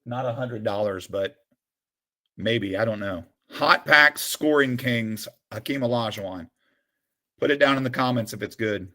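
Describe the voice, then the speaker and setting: A man streaming live as he sorts through a collection, calling out names with bursts of excitement and then dropping into quiet muttered asides. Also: mid-range voice, a little slow. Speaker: sports card streamer opening a collection. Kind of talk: live-stream commentary while sorting cards.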